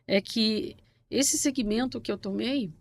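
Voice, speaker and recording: Middle-aged female guest, somewhat high voice, lively warm storyteller. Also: takes it slowly, gravelly, a little hiss or hum. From Brazil, São Paulo state. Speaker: guest, banking correspondent. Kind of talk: casual interview chat.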